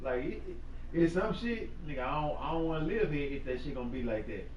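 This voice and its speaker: A man, chatting loudly and emphatically on a live game stream, repeating himself and using slang. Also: fairly high pitch, animated, quick pace, a little hiss or hum. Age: 40s. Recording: roomy, distant, dull lo-fi sound with loud music. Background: loud music and a television.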